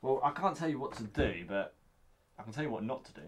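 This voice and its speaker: A man playing a calm, patient youth counsellor who often says um while giving advice. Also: medium pitch, fast, lightly acted. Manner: calm, patient, with frequent ums.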